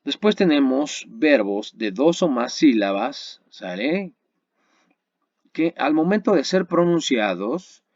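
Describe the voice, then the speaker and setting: A man leads a grammar webinar, explaining step by step and checking in with his listeners. His voice is lively and animated. The sound is dry and a little dull. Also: mid-range voice, no room sound. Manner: explains patiently, checks in with "¿sale?" and "¿vale?"; slows down to spell and model English words. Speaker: English teacher.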